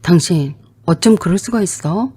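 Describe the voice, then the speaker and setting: A woman's voice: lowish voice, animated, moderate pace, slightly rough. Woman reading as a testy husband. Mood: indignant. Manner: sharp scolding questions. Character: irritable married man, demanding husband.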